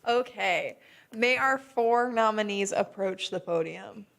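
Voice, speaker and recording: A woman's voice: medium pitch, slow pace, creaky, a bit bright. Friendly young woman presenting nominees. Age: young adult. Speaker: senate speaker presenting nominees. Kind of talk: formal meeting remarks.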